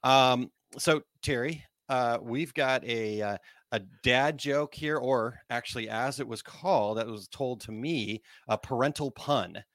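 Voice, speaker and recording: A man's voice: medium pitch, a little slow, a bit bright, dry recording. A man with a Missouri accent chatting casually and folksily as a podcast co-host. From Missouri, United States. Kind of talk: casual chat.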